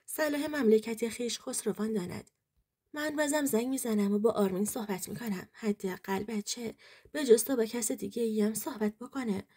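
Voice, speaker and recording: A woman reading a male lawyer in a story, giving measured, reassuring advice in her own mellow voice. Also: on the high side, slightly rough. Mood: persuasive. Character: male lawyer, calm, scheming, persuasive.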